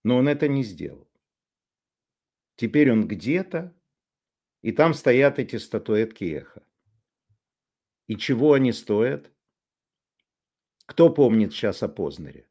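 A man giving an unscripted monologue commentary, sardonic and halting, with many drawn-out filler sounds. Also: mid-range voice, very animated, a little mellow.

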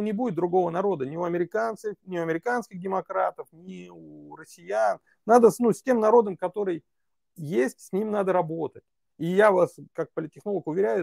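A man's voice: high voice, creaky, a little mellow, no room sound, clean studio sound. A man working as a political consultant, answering interview questions in long, reasoned stretches with many fillers.

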